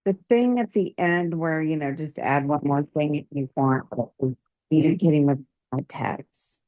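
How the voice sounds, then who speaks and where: A woman's voice: low voice, moderate pace, no echo. Woman on muffled, dropping call audio. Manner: hesitant, many fillers and restarts. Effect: muffled, dropping video-call audio. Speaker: participant in an online group session. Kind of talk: casual, halting chat. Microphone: video call.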